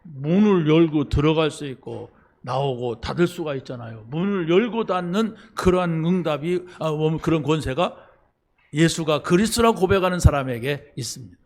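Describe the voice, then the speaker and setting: A man preaching a sermon to his congregation, acting out quoted lines with sudden loud outbursts and tossing short questions to the listeners. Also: a little high, lively intonation, moderate pace. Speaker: pastor.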